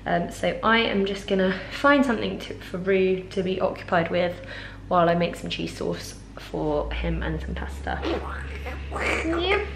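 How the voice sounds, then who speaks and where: Chatty mum in a noisy kitchen. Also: female voice, fairly low pitch, animated, measured pace, vocal fry. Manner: chatty, rambling, lots of fillers. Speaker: vlogger. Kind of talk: casual kitchen vlog narration. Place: home kitchen.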